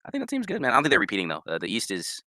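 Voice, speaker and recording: A young man co-hosting a casual sports podcast, rambling and repeating words, his pitch jumping up when he gets emphatic. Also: huge pitch swings, racing, bright, forceful tone, no echo. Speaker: podcast co-host.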